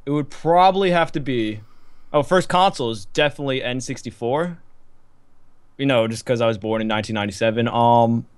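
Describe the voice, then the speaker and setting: A man's voice: medium pitch, fairly quick, smooth, no room sound. A young man on a casual gaming podcast, rambling and laughing, with lots of fillers and restarts. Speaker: podcast co-host. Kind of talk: casual chat.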